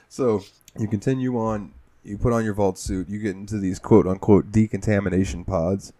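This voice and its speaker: A man's voice: on the low side, steady tone, normal speed, mellow. A man hosting a gaming podcast, telling the story of a game in a rambling, profane way. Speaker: podcast host. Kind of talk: casual gaming podcast chat.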